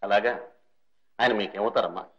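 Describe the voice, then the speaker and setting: A man's voice: on the low side, fairly even intonation, moderate pace, fairly bright tone, natural voice. An actor playing a young male doctor, earnest and reverent toward the old man who paid for his studies, in a film melodrama. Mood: calm. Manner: earnest, reverent, calls out in anguish. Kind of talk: 1960s Telugu film melodrama. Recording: dull old film soundtrack with faint music.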